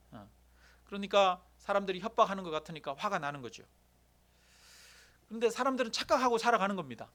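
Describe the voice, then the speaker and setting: A man preaching a sermon as pastor, slowing to stress key words and putting questions to the congregation. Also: high voice, bright, forceful tone. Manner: asks the congregation questions, addresses a member by name; slows and stresses key words, quoting voices.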